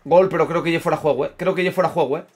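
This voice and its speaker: A young man giving casual commentary while playing a football management game, chatting with viewers, swearing and yelling at big moments, then muttering low. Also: fairly even intonation, rapid-fire. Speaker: gaming streamer. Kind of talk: casual live gameplay commentary.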